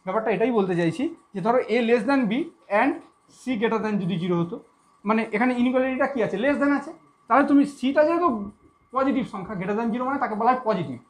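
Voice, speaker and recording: A woman's voice: on the high side, fast talker. A woman teaching a math lesson, who repeats her points and keeps asking if she was understood. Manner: repetitive, keeps checking understanding.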